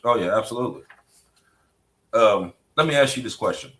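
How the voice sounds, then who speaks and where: A man's voice: lowish voice, lively intonation, a little fast, fairly bright tone. A middle-aged man hosting a podcast conversation, reflective and repetitive, often asking "you know what I mean". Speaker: podcast host.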